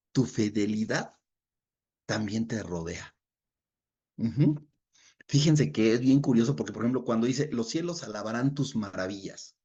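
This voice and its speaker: Male Bible study teacher, husky voice, chatty and engaging, dull lo-fi sound. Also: fairly low pitch, darkish tone. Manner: conversational, checks in with listeners, reads verses aloud. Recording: dull lo-fi recording.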